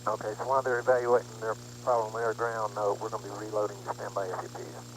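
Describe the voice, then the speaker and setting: A man reports technical status over a launch radio loop, matter-of-fact and very rapid. His pitch stays flat and the line hums with clear noise. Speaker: launch control engineer. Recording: noisy humming intercom radio.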